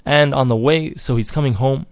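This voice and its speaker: A man's voice: mid-range voice, moderate pace, no echo. Man telling a parable, dry close sound. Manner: repeats and restarts as he tells it. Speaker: teacher of a daily Torah lesson. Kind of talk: parable storytelling.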